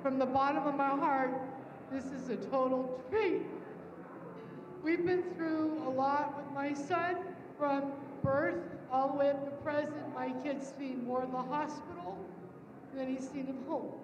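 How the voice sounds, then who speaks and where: A woman's voice: sits high, fairly even intonation, unhurried, crowd noise. A middle-aged woman giving an emotional, heartfelt thank-you speech and telling a story as a mother. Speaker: award recipient's mother. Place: banquet hall stage, indoors. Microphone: handheld microphone through PA. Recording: distant echoey hall, muffled, noisy.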